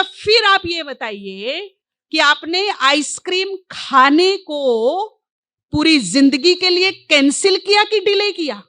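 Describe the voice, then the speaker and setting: A woman's voice: high voice, bright, forceful tone, no room sound. A woman spiritual teacher speaking to a live audience. She poses rhetorical questions, answers them herself, and repeats key words for emphasis.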